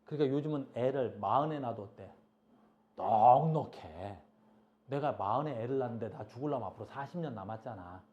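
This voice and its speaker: A middle-aged male teacher giving a classroom lecture, chatty and lively, often stopping to ask the class if they understand and scolding students in passing. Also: medium pitch, brisk. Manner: keeps asking "알겠니?" to check understanding. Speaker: high school biology teacher. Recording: dull lo-fi classroom recording.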